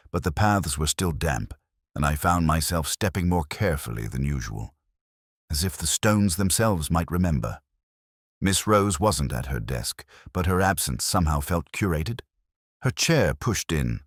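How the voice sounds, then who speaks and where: The narrator, a man with an exceptionally deep voice, recounts a detective mystery as its first-person lead. He sounds measured and somber, his intonation lively across each literary phrase. The close, dry recording has a husky grain and no room sound.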